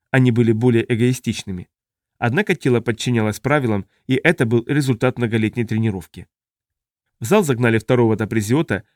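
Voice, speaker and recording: A man reading an audiobook in a measured, even narration. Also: mid-range voice, dry recording, clean studio sound.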